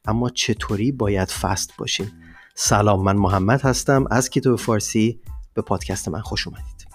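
A man with an Iranian Persian accent explains things as a solo podcast host, speaking in a deliberate, emphatic way and repeating words for stress. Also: on the low side, soft background music.

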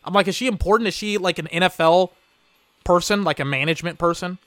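A high, bright male voice ranting through a podcast in loose, rambling commentary. He sounds exasperated, swears freely and trails off mid-thought. The sound is close and dry, with no room behind him. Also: fast, no echo, soft background music. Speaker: podcast host. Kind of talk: casual live-reaction commentary.

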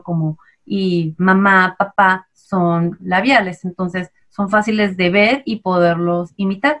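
A woman with a Mexican accent answers interview questions as a child language specialist. She explains step by step, patient and clear, often posing rhetorical questions. Her voice sits in a mid range. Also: mid-range voice, highs cut off.

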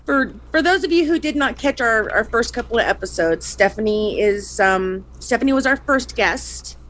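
A woman co-hosting a casual podcast, bubbly, quick to laugh and chime in. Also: on the high side, expressive, a bit bright, poor audio. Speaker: podcast co-host.

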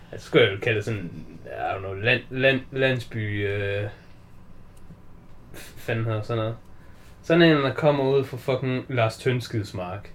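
A man chatting casually about a film who keeps slipping into animated little performances of the scenes. He swears freely and laughs easily as he talks, with a voice of ordinary middle pitch. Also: long pauses.

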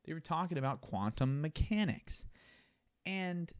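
A man's voice: on the high side, lively intonation, measured pace. Rambling beer-drinking podcast host, man. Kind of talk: solo casual podcast rant.

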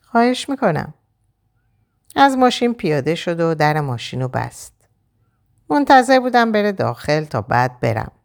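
A woman narrating a dramatic story in first person, her voice low for a woman and gravelly. Her delivery is lively, with wide pitch swings.

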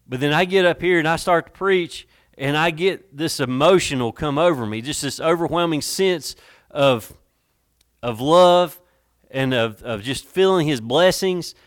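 A male pastor preaching a sermon, earnest and emotional, slowing down for emphasis. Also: on the high side, dry recording, clean studio sound. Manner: emotional, slows down for emphasis, reads scripture in old-fashioned wording.

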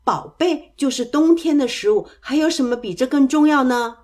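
A woman voicing a small, greedy male squirrel in a children's storybook, shrill and possessive. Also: normal speed, a little mellow. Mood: earnest. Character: greedy little male squirrel guarding acorns.

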